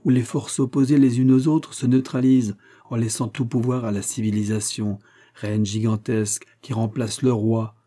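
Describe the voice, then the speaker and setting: A man's voice: mid-range voice, little pitch movement, normal speed, mellow, lightly acted. A man reading an eloquent, feverish young man. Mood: declaiming.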